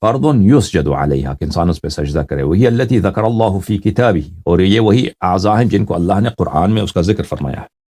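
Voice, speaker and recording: Deep-voiced man teaching a religious text. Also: lively intonation, dark tone. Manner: reads Arabic then explains in Urdu, checks with "ٹھیک ہے نا". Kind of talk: explaining a hadith text line by line.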